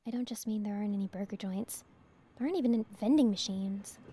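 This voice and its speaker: A woman from New York giving soft, hushed voice to the narrator of a horror visual novel, as a whispered role-play. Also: medium pitch, fast, husky, close to an everyday voice.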